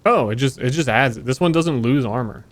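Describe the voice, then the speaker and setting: A man's voice: medium pitch, a little fast. A man streaming a video game, giving casual, joking commentary with frequent profanity.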